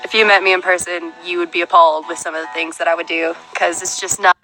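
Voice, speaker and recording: A woman's voice: lowish voice, level tone, quick pace, sharp tone, rough recording. A woman talking frankly and informally in a casual interview. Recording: faint music under the voice.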